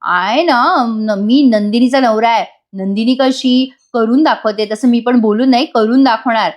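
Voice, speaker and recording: A woman's voice: fairly high pitch, a little slow, lo-fi sound, close to an everyday voice. A woman quoting a lovesick young husband. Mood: earnest. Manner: pleading, affectionate. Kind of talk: voice-over retelling of a TV serial scene.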